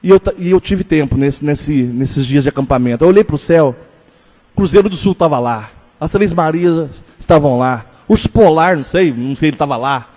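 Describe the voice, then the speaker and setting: High-voiced pastor preaching in a reverberant hall. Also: male voice, a little mellow. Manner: earnest storytelling, slows for emphasis. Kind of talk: sermon with personal story.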